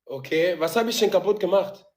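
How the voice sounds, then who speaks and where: A man's voice: high-pitched, lively intonation, fairly quick, darkish tone. A man from Gabon hosting a casual video-call chat, teasing and questioning his guest playfully. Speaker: live-stream host.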